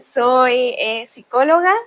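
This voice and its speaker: A woman from Honduras preaching a sermon, speaking in short phrases and pausing for an interpreter. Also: high voice. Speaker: guest preacher. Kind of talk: bilingual sermon with live interpreter.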